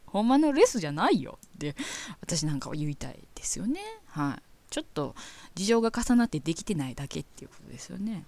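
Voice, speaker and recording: A woman's voice: sits low, gravelly, darkish tone, no echo. A woman with a Kansai accent hosting a show, chatting frankly and reading listener letters aloud, often breaking into giggles. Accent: Kansai Japanese. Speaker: radio host reading listener mail.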